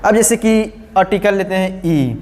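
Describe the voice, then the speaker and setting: A man's voice: high-pitched, moderate pace, a little mellow. A male teacher, giving a grammar lesson step by step and often asking his students questions. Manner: explains step by step, repeats key words, asks the class questions. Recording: long hall reverb.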